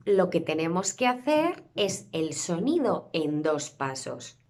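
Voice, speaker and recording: A woman with a Spain Spanish accent, teaching pronunciation by modeling sounds slowly and carefully. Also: fairly low pitch, very animated, a little mellow. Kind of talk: pronunciation lesson.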